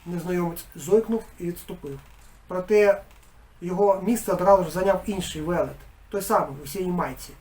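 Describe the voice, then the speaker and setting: Author reading his novel aloud, man with a high voice, expressive, goes hushed in spooky parts. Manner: expressive, dropping to a hushed tone in eerie passages.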